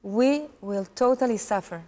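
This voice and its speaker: A woman in her forties, a guest in an interview, talking earnestly in halting English and laughing often. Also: a little high, dark tone. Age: 40s. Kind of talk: casual interview chat.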